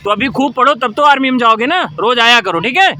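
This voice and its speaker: A woman's voice: fairly high pitch, expressive, brisk, pushed and bright, a little hiss or hum. A woman volunteer chatting cheerfully with small children outdoors in a park, coaxing and praising them as she hands out books. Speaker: charity volunteer handing out books. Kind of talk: casual chat with small children.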